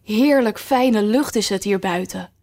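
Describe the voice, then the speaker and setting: A woman's voice: medium pitch, unhurried, darkish tone, lightly acted. A woman reading aloud voices a chatty, condescending talking rose in a storybook. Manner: patronizing, falsely kind.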